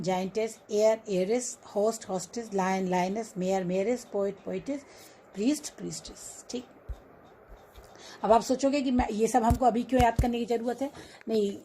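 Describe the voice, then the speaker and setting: Higher-pitched woman teaching grammar. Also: warm tone, slight background noise, low-quality recording. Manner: explains in Hindi mixed with English, checks understanding with questions. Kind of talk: grammar lesson.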